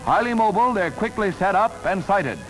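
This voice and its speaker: A man narrating an old 1940s wartime newsreel in a brisk, emphatic announcer delivery. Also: high-pitched, animated, poor audio. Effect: old newsreel soundtrack. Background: loud music score.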